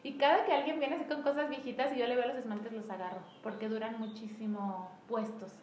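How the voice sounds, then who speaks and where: A Mexican woman leading a sales team meeting in casual motivational talk, acting out quoted dialogue with lively shifts. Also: fairly high pitch, fairly quick. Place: room with a small group present. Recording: echoey room, faint background noise.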